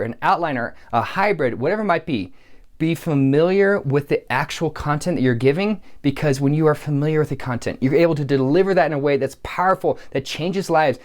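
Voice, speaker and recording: A man coaching public speakers in an earnest, encouraging way, often restarting and repeating words as he talks. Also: medium pitch. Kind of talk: coaching video talk to camera.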